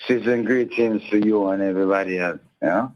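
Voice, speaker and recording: Man phoning in, over the phone, lowish voice, rambling, friendly, muffled phone sound. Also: brisk. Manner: rambling, friendly, repeats words. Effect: over the phone line. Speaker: radio call-in caller. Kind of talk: casual call-in chat. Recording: dull lo-fi phone line.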